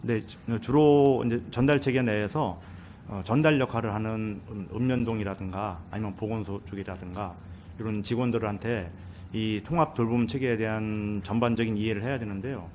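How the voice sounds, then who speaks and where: Male civil servant, lowish pitch, formal and deferential meeting answers that restart now and then, light background noise. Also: fairly even intonation, fairly quick, a little mellow. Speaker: department head, senior welfare official.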